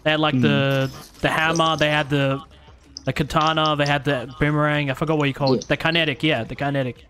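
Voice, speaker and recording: A man's voice: a little high, flat delivery, brisk, pushed and bright, faint music behind. Chatty joking gaming streamer man. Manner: chatty, joking, stumbles and restarts. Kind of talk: casual gaming chat with teammates.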